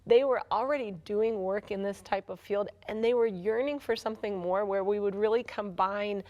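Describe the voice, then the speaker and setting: A woman's voice: medium pitch, fairly even intonation, normal speed, dull audio. Earnest woman explaining her ministry. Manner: earnest, explanatory, laughs easily. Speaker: ministry founder, guest. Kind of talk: television interview.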